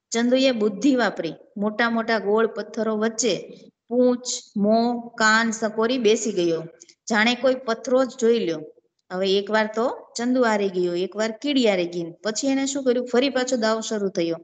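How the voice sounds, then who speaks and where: A woman's voice: fairly high pitch, highs cut off. A woman reading and explaining a children's story as a teacher, asking the listeners questions and then answering them herself.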